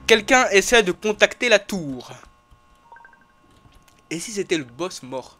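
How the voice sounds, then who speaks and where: Excitable scared horror game streamer, bright-voiced man. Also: high voice, slow pace. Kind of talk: casual French gaming commentary with slang.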